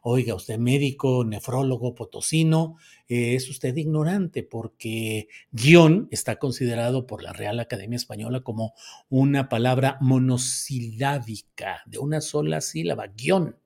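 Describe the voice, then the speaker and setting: A man's voice: medium pitch, creaky, a little mellow. A man with a Mexican accent hosting a casual commentary, reading viewer comments and answering them in a chatty, sardonic way. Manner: chatty, sardonic, drawn-out emphatic words.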